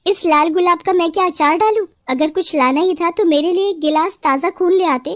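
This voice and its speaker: A woman's voice: extremely high pitch, a little fast, no room sound, clean studio sound, voice pushed up. A woman voicing a greedy, mischievous female witch who cackles and exclaims shrilly in a cartoon story. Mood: gleeful greedy.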